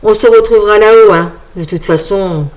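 A woman voicing a loyal, worried old man in a read-aloud story, talking bluntly and slowly. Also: mid-range voice, steady tone, a little mellow, natural voice, low-quality recording. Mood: tender.

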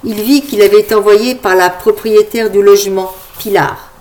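A woman's voice: mid-range voice, fairly even intonation, normal speed, darkish tone. A woman narrating an audiobook of a comic story in a wry, conversational way.

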